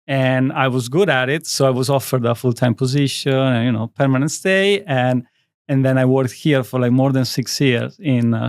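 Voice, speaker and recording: A clear, resonant, medium-pitched male voice with no echo. He's an Italian man in his thirties, a native Italian speaker with an Italian accent, appearing as a guest in a studio interview. As the founder of a skincare brand, he tells his story in an earnest, rambling way.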